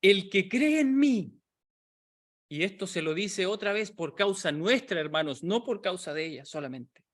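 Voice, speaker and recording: A man's voice: high voice, lively intonation, a little slow. A man preaching a sermon to a small group, asking rhetorical questions and acting out the voices he quotes.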